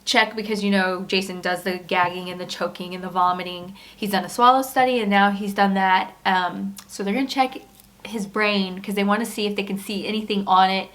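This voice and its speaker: A woman in her fifties who cares for her husband, hosting a casual home vlog and speaking earnestly and openly, with many fillers and soft laughs. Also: mid-range voice, fairly even intonation, a little fast. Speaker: spouse and caregiver, vlog host.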